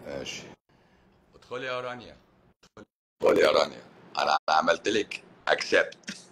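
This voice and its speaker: A man's voice: low-pitched, expressive, fairly quick, vocal fry, a bit bright, a little hiss or hum. A man with an Egyptian accent, a doctor hosting a live stream who reads viewer comments aloud and answers them in a teasing, sarcastic way. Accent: Egyptian Arabic.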